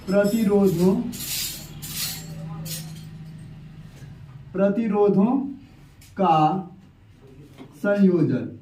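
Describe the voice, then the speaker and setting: A man's voice: very high-pitched, recorded from a distance, slight background noise. A young man teaching a science lesson at a whiteboard, explaining step by step and repeating key terms. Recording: echoey room, off-mic.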